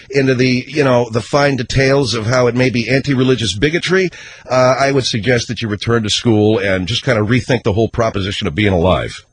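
A man's voice: mid-range voice, a little hiss or hum. A man hosting a radio talk show with sardonic, satirical monologues.

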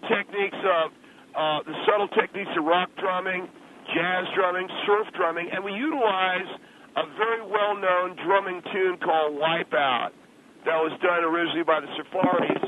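Guy on a phone call, high-ish voice, says man and dude a lot, hissy tinny line. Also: fairly even intonation, normal speed. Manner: laid-back, defensive, slangy, says "man" and "dude". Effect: heard over a telephone line. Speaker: rock drummer calling in as a guest. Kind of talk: casual on-air phone chat. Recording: noisy narrow phone line.

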